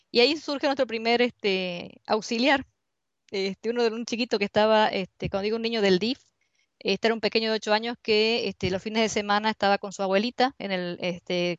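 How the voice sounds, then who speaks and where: A university researcher with an Argentine accent delivers an online seminar presentation casually, searching for the right words as she talks. Her mid-range voice is recorded dry through a computer mic on a video call, giving dull, lo-fi online audio.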